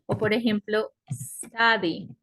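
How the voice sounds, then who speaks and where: Slow, patient woman teaching online. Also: mid-range voice, steady tone, pushed and bright. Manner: slow, patient explaining with frequent checks like "¿cierto?". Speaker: English teacher. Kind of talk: online class lecture. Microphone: computer mic on a web conference.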